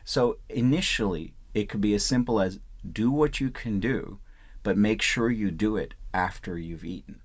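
This man, a physician from Punjab in India, responds to interview questions explanatorily and often repeats "I want." He has a lowish voice and a moderate pace.

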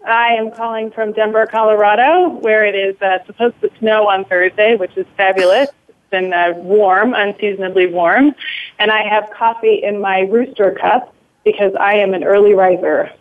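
A woman's voice: medium pitch, steady tone, moderate pace. A woman speaking casually and a little hesitantly as a radio interview guest, calling in by phone. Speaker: talk show guest. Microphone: phone call into radio show. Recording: thin phone-line sound.

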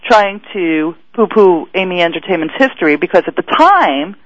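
A male radio host with a noticeably high voice chats and teases his guest, laughing often. The sound is dry and muffled, like lo-fi radio audio. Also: lively intonation, moderate pace, dry recording. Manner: chatty, laughs often, teasing. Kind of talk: casual radio interview.

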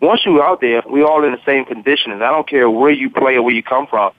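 A male sports radio co-host and analyst calls in by telephone, so the sound is thin. His mid-range voice moves fast with no room sound, and his casual, talkative analysis is loose and repetitive, with repeated words.

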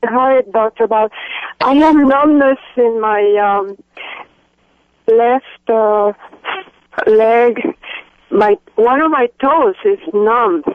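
A woman calling in over the phone to a radio show, talking hesitantly with many pauses. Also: on the high side, dry recording. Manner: hesitant, full of pauses and fillers. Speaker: caller. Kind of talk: call-in question to a radio show. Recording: tinny phone line.

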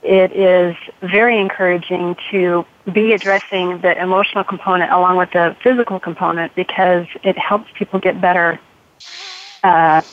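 Earnest woman caller on a phone line. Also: fairly low pitch. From San Diego area. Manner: earnest, halting, with fillers. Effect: caller heard over a phone line. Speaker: radio show caller. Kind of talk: call-in comment on a radio talk show.

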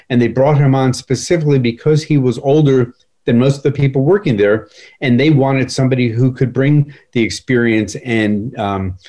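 An older man, a writer, speaking in a measured, thoughtful way during a conversation, with occasional fillers and repeated words. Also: mid-range voice, a little mellow. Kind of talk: conversational discussion.

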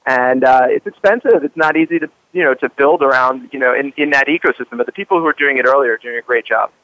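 A man's voice: mid-range voice, fast talker, fairly bright tone, no room sound, low-quality recording. A man speaking casually as an interviewed correspondent, conversational and peppered with "like" and "you know". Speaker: roving correspondent, interview guest.

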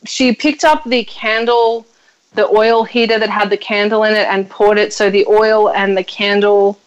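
A woman in her thirties hosting a casual chat, blunt and chatty, swearing freely and filling pauses with ums. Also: medium pitch, fairly even intonation, clean tone, highs cut off. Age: 30s. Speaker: podcast host.

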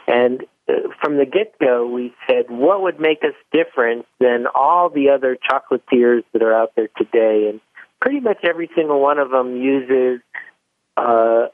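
A man's voice: mid-range voice, dry recording. Man telling a story over a phone line. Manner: folksy storyteller, acts out both sides of dialogue. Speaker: chocolate company founder, guest. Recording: dry, tinny phone line.

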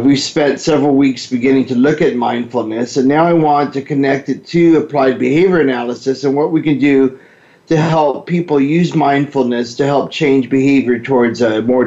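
Male talk radio host, measured conversational explainer, echoey room, slightly lo-fi audio. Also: medium pitch, a little mellow. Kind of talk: conversational monologue on behavioral therapy. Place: echoey indoor space. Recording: echoey room, dull lo-fi sound.

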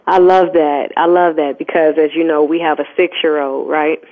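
A woman hosting an interview, chatting in a relaxed way. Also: low-pitched, normal speed. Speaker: host. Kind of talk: casual interview conversation. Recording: tinny phone line.

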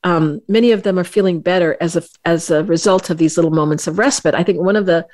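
A woman's voice: fairly low pitch, darkish tone. Woman hosting a talk show, earnest, keeps restarting her sentences. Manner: earnest, halting, with many restarts. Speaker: radio show host.

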